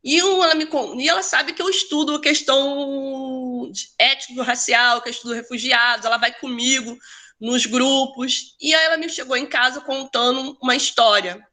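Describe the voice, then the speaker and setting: A woman's voice: high-pitched, normal speed, sharp tone. A woman educator telling a personal story in a casual talk, often adding tag questions. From Brazil. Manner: conversational, tag questions, restarts. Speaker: educator and researcher.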